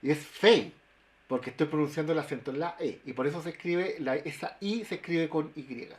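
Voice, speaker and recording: A man speaks over a video call in a webinar. His voice sits somewhat high, and he works through the explanation haltingly, full of fillers and restarts. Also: a little mellow. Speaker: linguist explaining pronunciation.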